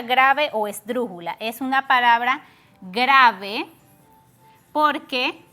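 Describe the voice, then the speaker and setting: A woman's voice: a little high, pushed and bright. A woman teacher giving a televised class to schoolchildren, explaining patiently step by step and stretching out words.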